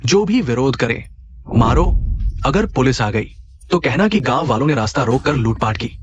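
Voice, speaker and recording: A man's voice: medium pitch, animated, normal speed, dull audio, a crowd in the background, natural voice. A man voicing an arrogant gang boss in a dubbed short drama, commanding and scornful. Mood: menacing.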